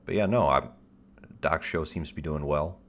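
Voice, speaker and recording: Hosting a livestream at normal speed, a man talks casually in a deep radio-type voice. He rambles in stop-start phrases, wry and self-deprecating, and swears casually.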